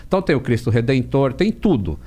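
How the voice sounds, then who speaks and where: A Brazilian man as a podcast guest, telling stories in a casual, animated way, with plenty of slang and swearing. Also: mid-range voice, brisk. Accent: Brazilian Portuguese. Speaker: podcast guest, aviation creator. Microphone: studio podcast mic.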